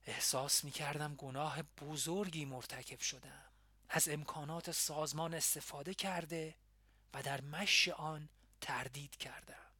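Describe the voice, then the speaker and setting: A man narrating a first-person memoir audiobook in a steady, reflective way. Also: fairly high pitch, dry recording.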